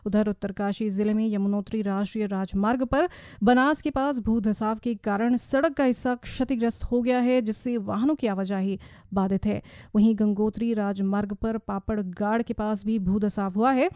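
A woman reading a regional radio news bulletin in a steady, measured, formal manner. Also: mid-range voice, dry recording, studio quality. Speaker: news reader. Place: radio studio.

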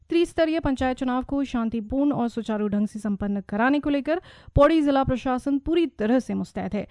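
A woman news reader with a slightly high but mellow voice. She delivers a formal radio bulletin in a steady, measured rhythm. The studio sound is dry and close. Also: no echo.

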